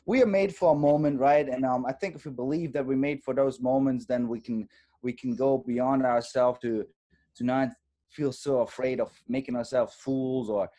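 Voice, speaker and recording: A man from Germany in his thirties, a native German speaker giving a thoughtful, halting interview with many fillers over a video call. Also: medium pitch, steady tone, dark tone. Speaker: actor guest.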